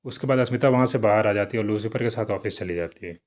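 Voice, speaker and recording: Low-voiced male storyteller. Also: fast, darkish tone. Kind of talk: reading a serialized story aloud.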